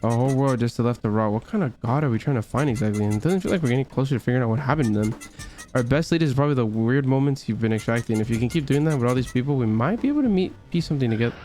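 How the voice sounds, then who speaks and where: A man on a desk mic chats his way through a story game, reading lines aloud and trading jokes with his viewers. His voice sits at an ordinary middle pitch, loose and offhand with the odd curse. Faint game music plays underneath. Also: expressive, very fast, mellow. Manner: chatty, swears offhandedly, banters with chat. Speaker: gaming streamer. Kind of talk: casual let's-play commentary, reading game dialogue aloud.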